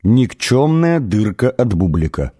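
A tall, haughty alien who speaks in curt, blunt insults, as a male narrator gives it a voice. The delivery is dark and mellow, with lively swings in pitch. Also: a little slow, breathy edge, full character voice. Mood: contemptuous.

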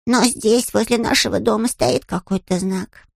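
Paddington, a squeaky innocent bear. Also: male voice, fairly even intonation, normal speed, gravelly, no room sound, clean studio sound. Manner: earnest, innocent, matter-of-fact. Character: naive polite young male bear. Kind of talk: audiobook character voice.

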